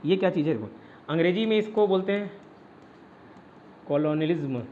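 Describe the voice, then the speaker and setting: A man with a fairly high voice leads an online exam-prep class. He explains step by step and answers his own questions as he goes. The sound is dull and lo-fi. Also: expressive, brisk, slight background noise. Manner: often adds "ठीक है" to check understanding. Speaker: teacher.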